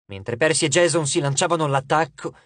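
A man narrating an audiobook with expressive, dramatic storytelling, recorded on a studio microphone in a booth. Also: a little high, brisk, dry recording.

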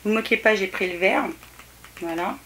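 A thirty-something Frenchwoman records a relaxed shopping-haul video in a small bedroom at home, walking viewers through what she bought. Her delivery is enthusiastic, though hesitant and full of fillers. Her voice sits at a medium pitch and a normal speed, and there's background noise.

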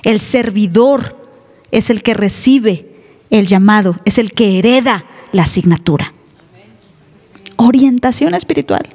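A woman's voice: mid-range voice, lively intonation, unhurried, long pauses, darkish tone. A woman pastor, preaching an emphatic, teasing sermon in church. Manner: emphatic, teasing, plays other voices. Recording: live church hall reverb.

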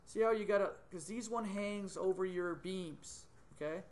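Thinking out loud through a 3D modeling job, a middle-aged software tutor speaks at a fairly high pitch with a darkish tone, dropping ums into pauses and fixing his own slips mid-stream. The screen-recorded tutorial is captured on a desktop computer mic in a small room, with a webcam feed in the screen's corner.

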